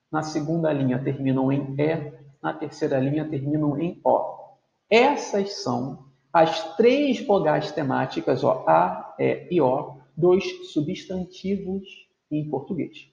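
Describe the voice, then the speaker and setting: A man teaching a video lesson in a gravelly, slightly high voice. He explains step by step and keeps checking in with the class. The recording sounds roomy and dull. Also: dark tone.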